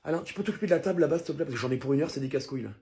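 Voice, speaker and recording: A man's voice: a little high, very fast, mellow, voice pushed down, lightly acted. A man playing an impatient restaurant waiter in a comedy sketch, muttering sarcastic asides. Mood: fed up. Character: fed-up male restaurant waiter.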